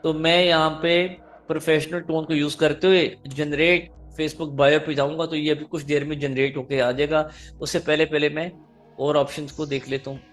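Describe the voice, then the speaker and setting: A middle-aged man teaching a live online marketing class. He explains each step slowly and keeps asking his students if it is clear. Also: on the high side, flat delivery, soft background music.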